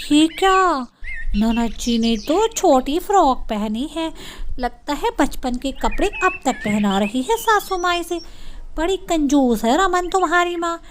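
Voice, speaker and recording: A naive young bride fresh from the village, voiced by a woman, speaking in a rustic, innocent, chatty way. The voice sits high and bright. It suits a cartoon moral story. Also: a little hiss or hum.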